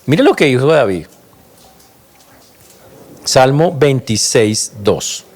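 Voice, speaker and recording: A man preaching a sermon as pastor, emphatic and animated, questioning his congregation directly and tossing in sharp interjections. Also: mid-range voice, slow pace.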